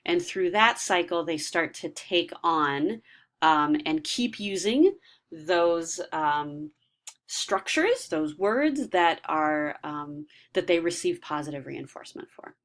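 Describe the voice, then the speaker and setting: A woman's voice: low-pitched, big pitch swings, takes it slowly, fairly bright tone. A woman giving a recorded lecture, explaining ideas step by step with frequent ums and restarts.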